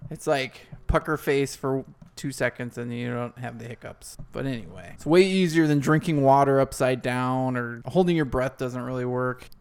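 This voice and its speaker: A man's voice: mid-range voice, moderate pace, few pauses, darkish tone, smooth. A man hosting a casual podcast chat, rambling and chatty, laughing often. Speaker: podcast host.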